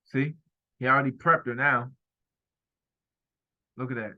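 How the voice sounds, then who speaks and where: A man's voice: mid-range voice, fairly even intonation, a little slow, phone-quality sound. A man giving heated, repetitive running commentary over a video, speaking emphatically and accusingly.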